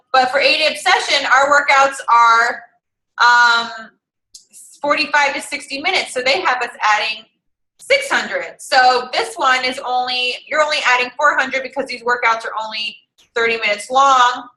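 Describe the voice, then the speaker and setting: A woman's voice: high-pitched, bright, forceful tone, roomy sound, poor audio. A young woman coaching an online fitness group, chatty and encouraging as she works through calorie numbers aloud.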